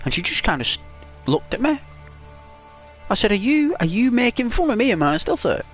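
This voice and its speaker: A gaming channel host with a British accent chats casually while playing a video game, rambling with lots of "like" and restarting his sentences. His voice is extremely high-pitched and sing-song, his pace brisk, with faint music behind him.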